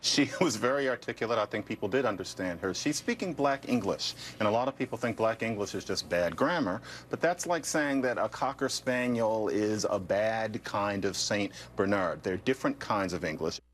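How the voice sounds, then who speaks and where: A man's voice: lowish voice, expressive, moderate pace, few pauses, a little hiss or hum. A man speaking as an academic in an interview clip, explaining his view plainly with analogies. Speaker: linguistics professor.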